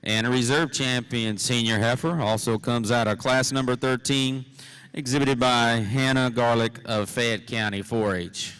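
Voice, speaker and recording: A man's voice: medium pitch, steady tone, measured pace, fairly bright tone, clear, resonant tone, low-quality recording. A man making formal public-address announcements of results as a livestock show announcer.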